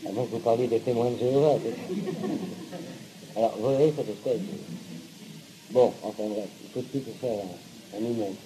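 In a classroom lecture on Hebrew and Torah, a male teacher speaks hesitantly, leaning on fillers and repeating words, often making sure the class keeps up and adding blunt, sarcastic comments. He talks at normal speed with a steady, medium-pitched voice and frequent pauses, against a noisy background.

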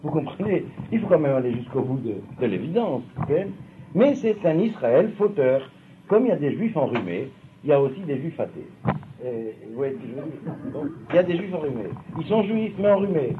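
A man's voice: fairly high pitch, very animated, a little fast. A man teaching a Talmud class, explaining at length and often checking that his students follow. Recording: tinny lo-fi recording with faint noise.

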